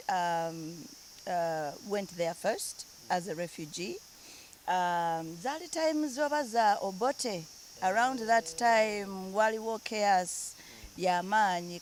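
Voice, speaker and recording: A Ugandan woman raised in Denmark chats easily as an interview guest, moving back and forth between English and Luganda. Her voice sits in the mid range, she's easygoing and laughs often, and the casual conversation carries a little hiss or hum.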